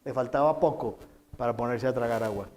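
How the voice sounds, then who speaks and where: A man preaching a sermon as pastor, emphatic and repetitive, swinging between loud quoted lines and soft, low asides. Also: brisk. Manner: emphatic preaching with repeated phrases and dramatic quotes.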